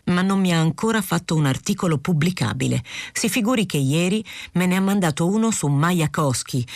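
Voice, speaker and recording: A woman's voice: low voice, darkish tone, no room sound, clean studio sound. A woman reading the part of an anxious, widowed older male journalist who speaks in a plaintive, defensive way, in an audiobook.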